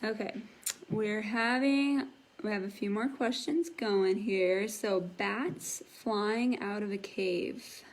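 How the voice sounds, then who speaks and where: Woman teacher running an online English lesson, unhurried and encouraging. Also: medium pitch, steady tone. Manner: patient, encouraging, imitates sound effects. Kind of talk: live online English class.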